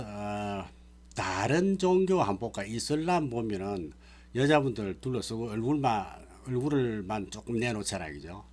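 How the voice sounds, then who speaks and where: Man of middle pitch as a monk teaching a sutra class; patient, term-by-term explanation. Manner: explains terms one by one, checks with listeners. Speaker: Buddhist monk lecturer. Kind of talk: sutra lecture.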